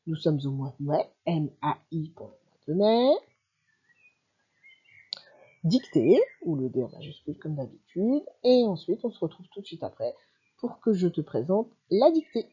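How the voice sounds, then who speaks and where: A woman teacher giving a dictation to young children, slowly stretching out each word and spelling out letters. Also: lowish voice, big pitch swings, dark tone, dull audio. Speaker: primary school teacher.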